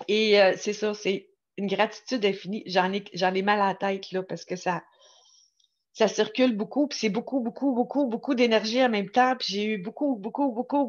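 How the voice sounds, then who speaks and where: A woman with a Quebec French accent talking casually to her viewers about spirituality, excited and rambling with many restarts. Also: medium pitch, highs cut off. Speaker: spiritual vlogger.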